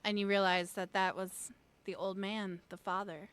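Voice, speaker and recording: A woman narrating as game master in a tabletop role-playing game, describing scenes in an unhurried, descriptive way. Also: mid-range voice, flat delivery, fairly bright tone, clean tone.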